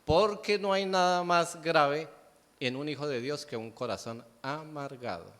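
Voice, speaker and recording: A man's voice: a little high, unhurried, a bit bright. Preaching man in a reverberant church. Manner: asks the congregation rhetorical questions, answers them himself. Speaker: pastor. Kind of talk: sermon. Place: church sanctuary. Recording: long church hall reverb.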